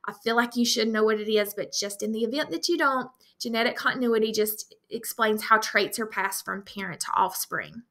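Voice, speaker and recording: Woman, science teacher voice, bright and a bit high, upbeat explainer. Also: moderate pace, few pauses. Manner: upbeat, explanatory, talks straight to students. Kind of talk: recorded review lesson.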